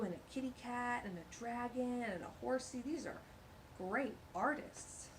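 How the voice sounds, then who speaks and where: A woman with a fairly high voice reads a picture book to young children at storytime, using a warm, animated, sing-song style. She keeps breaking off for chatty comments about the illustrations. The audio is poor and carries slight background noise.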